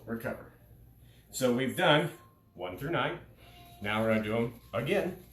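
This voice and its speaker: Speaking a little slowly, this man in his thirties gives a relaxed, informal lesson on fencing technique in a mid-range, expressive voice with a fairly bright tone. The camera sits several steps away in a carpeted living room, leaving the audio echoey and distant.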